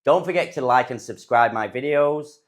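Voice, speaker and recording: A man with a British accent teaching a phonics lesson, saying words slowly and clearly for learners to repeat after him. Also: mid-range voice. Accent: British English. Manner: slow, clear, deliberately enunciated words. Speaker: English pronunciation teacher.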